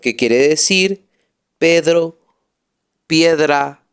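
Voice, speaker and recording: Male friar lecturing on catechism, slow deliberate delivery, smooth clear voice, emphatic repetition. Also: a little high, fairly bright tone. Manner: emphatic, repeats phrases, leans on key words.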